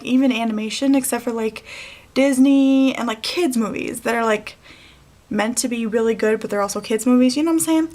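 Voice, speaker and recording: A young woman vlogger in casual chat, rambling and chatty, with many fillers and the odd swear. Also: on the high side.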